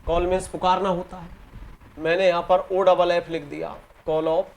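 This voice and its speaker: A man with an Indian English accent teaching an exam-prep grammar lesson in Hindi. He reads the English example sentences slowly and deliberately and often repeats key words. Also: sits high, little pitch movement, creaky. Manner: repeats key words and ends points with "theek hai".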